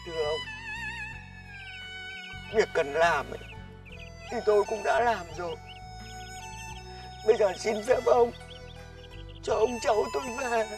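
Ông già nghèo khiêm nhường. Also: male voice, sits high, unhurried, long pauses. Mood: humble. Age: older. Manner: humble, polite, apologetic. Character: poor old grandfather, humble and devoted to grandson. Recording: distant mic, music behind.

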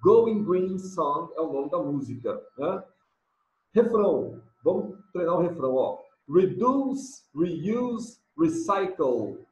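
A man's voice: a little high, animated, measured pace, darkish tone, roomy sound, poor audio. A man teaching children English, going over homework and drilling words by repeating them and explaining each in another language. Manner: switches between English words and Portuguese explanations, drills repetition. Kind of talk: recorded homework correction lesson.

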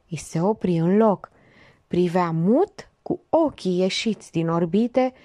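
A woman narrating a novel as an audiobook reader, expressive and measured. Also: fairly low pitch, dry recording.

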